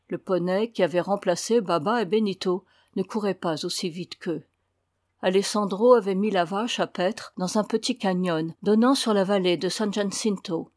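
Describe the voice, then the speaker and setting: A woman's voice: medium pitch, a little mellow, dry recording. Woman narrating a novel, dry close sound. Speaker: audiobook reader. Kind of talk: scripted narration.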